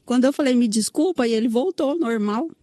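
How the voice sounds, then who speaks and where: Brief: São Paulo woman, higher-pitched but mellow tone, close and dry mic, telling her own testimony. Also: expressive, fast talker, no room sound. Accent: Brazilian Portuguese, São Paulo. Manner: recounts with many "né?" tags and quoted dialogue. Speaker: guest sharing her testimony. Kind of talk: emotional personal testimony.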